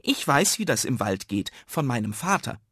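A man's voice: medium pitch, very animated, normal speed, a bit bright, husky, no echo, clean studio sound. A man voicing a self-important, know-it-all little boy in a children's storybook. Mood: bossy.

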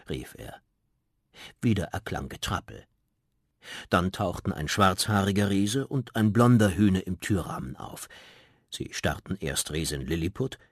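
Husky low-voiced male storyteller. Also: dry recording, clean studio sound. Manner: lively storytelling. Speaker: reader. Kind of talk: scripted children's story narration.

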